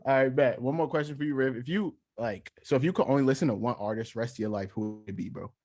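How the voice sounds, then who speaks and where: A man's voice: medium pitch, quick pace, darkish tone, dry recording, clean studio sound. A man with a Queens, New York accent hosting a casual podcast chat in heavy, profane slang. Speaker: podcast host.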